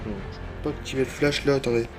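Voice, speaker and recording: A man's voice: medium pitch, little pitch movement, fast, faint music behind. Chatty man filming a toy unboxing. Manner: chatty, hesitant, many fillers and self-corrections. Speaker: toy collector vlogger. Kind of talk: casual unboxing commentary. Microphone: handheld phone without tripod.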